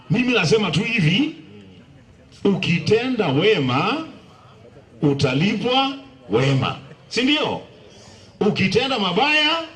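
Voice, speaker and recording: High-pitched, emphatic Kenyan man giving a political speech. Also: fairly bright tone. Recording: live speech with clear ambient noise.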